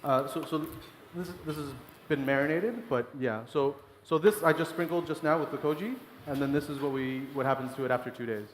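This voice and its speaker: A man's voice: a little high, a little fast, few pauses. A man working as a chef, explaining a technique during a live cooking demonstration, with many "uh"s and "so"s. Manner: explanatory, fills with "uh" and "so". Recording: long reverb in a large hall with faint noise.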